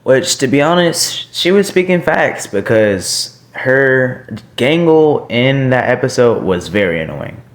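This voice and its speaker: A man's voice: mid-range voice, very animated, a little slow, few pauses. A man hosting a reaction video, talking casually and rambling with lots of filler words. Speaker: video reactor, channel host.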